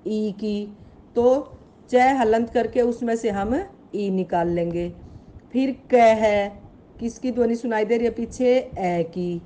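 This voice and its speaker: A woman's voice: mid-range voice, fairly even intonation, unhurried, warm tone. A woman teaching Sanskrit in an online grammar lesson. She patiently spells out sounds, asks her pupils questions and calls them beta. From Haryana, India.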